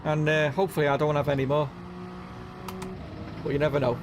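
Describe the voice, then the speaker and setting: A man's voice: fairly high pitch, little pitch movement, a little fast, noisy background. A middle-aged man, hosting a live stream and telling a casual anecdote, often checking in with "right?" and "you know what I mean?".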